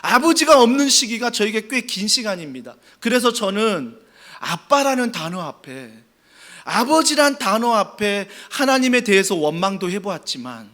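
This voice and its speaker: Korean pastor with a high, lively voice. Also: male voice. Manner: emphatic preaching that swings from soft and low to loud and high. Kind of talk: sermon. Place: church sanctuary.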